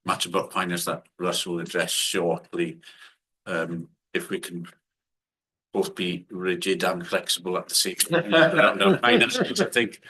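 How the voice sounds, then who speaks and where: A man runs a board meeting over a video call. His voice sits low and a little husky yet bright in tone. He speaks in a measured way, often doubling back on words. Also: lively intonation, poor audio. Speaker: meeting chair.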